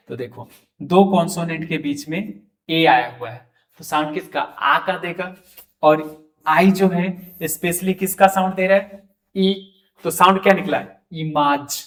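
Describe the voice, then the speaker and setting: A man teaching French pronunciation in a classroom, explaining slowly and asking his students questions. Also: fairly high pitch, a bit bright, far from the mic. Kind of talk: classroom lesson.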